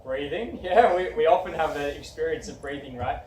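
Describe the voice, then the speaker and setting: This young teacher speaks a little fast in a fairly high, slightly mellow voice, questioning and encouraging his class as he leads a discussion. Faint background noise and room echo make him sound distant.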